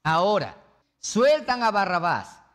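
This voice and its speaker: A male pastor delivering an emphatic sermon in a noticeably high voice. He dramatizes the story, throws rhetorical questions at his congregation and answers them himself. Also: very animated, slow pace, fairly bright tone.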